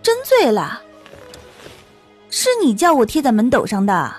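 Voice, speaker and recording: A man's voice: extremely high pitch, huge pitch swings, measured pace, slightly rough, faint music behind, voice pushed up, full character voice. A man voicing a cheeky young maidservant girl in a children's story reading, with a playful, chiding manner.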